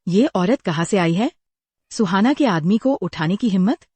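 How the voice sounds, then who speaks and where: A woman's voice: mid-range voice, lively intonation, moderate pace, a little mellow, slightly rough, dry recording. A woman dubbing a gossipy, hot-tempered village auntie in a drama. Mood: scolding. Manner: gossipy, scolding. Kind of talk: dubbed drama acting.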